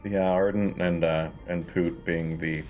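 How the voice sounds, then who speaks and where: A man with a low voice narrates a tabletop fantasy game as its game master. He talks casually and informally, swearing freely, with faint music behind him. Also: fairly even intonation, a little slow, a little mellow.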